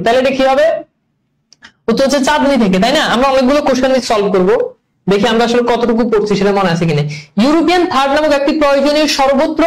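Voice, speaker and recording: A man teaching an online class, quizzing students with rapid questions and then answering them himself. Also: extremely high pitch, low-quality recording. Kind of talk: online class quiz review.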